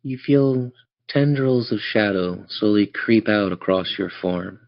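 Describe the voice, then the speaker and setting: A gravelly, lowish voice sets a measured pace as this game master guides a tabletop role-playing game. He tells the scenes in a descriptive, theatrical storyteller's manner, captured in dull lo-fi audio.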